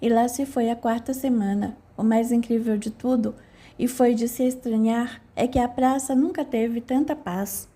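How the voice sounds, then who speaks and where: A woman narrating an audiobook in a calm storytelling manner. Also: on the high side, moderate pace.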